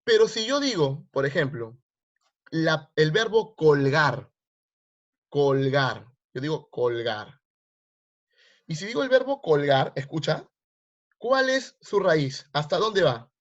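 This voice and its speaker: A man's voice: fairly high pitch, big pitch swings, takes it slowly, long pauses. A male teacher, teaching grammar online and quizzing his students with repeated questions. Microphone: video call. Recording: lo-fi online class audio.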